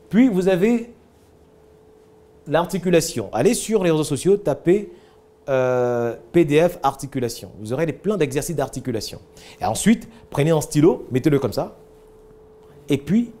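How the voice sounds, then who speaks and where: Male speaking coach, high voice with a mellow, warm tone, emphatic delivery with acted-out examples. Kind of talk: teaching a public speaking class.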